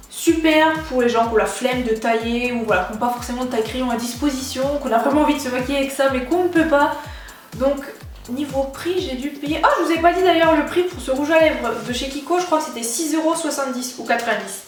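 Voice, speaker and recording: A woman's voice: sits high, brisk. Chatty young woman, echoey room. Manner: chatty, many fillers and restarts. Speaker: beauty vlogger. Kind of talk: casual haul review. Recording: very echoey room, mic at a distance, faint music.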